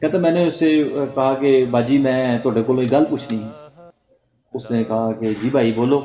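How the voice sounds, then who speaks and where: A man's voice: steady tone, dark tone. A man telling a Sufi devotional story, dramatically acting out the quoted speakers. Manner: dramatic, acts out quoted dialogue in a lowered voice. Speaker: religious storyteller. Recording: roomy echo with long hall reverb.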